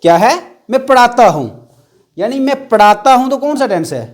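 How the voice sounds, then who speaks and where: A man's voice: very high voice, animated, moderate pace. A man teaching an English grammar class, asking the students questions and repeating the key words.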